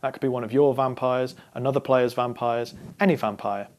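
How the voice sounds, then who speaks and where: A young man in his twenties presenting a scripted explainer on card game strategy, talking straight to camera in a measured, instructive way. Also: medium pitch, steady tone. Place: studio against a dark backdrop.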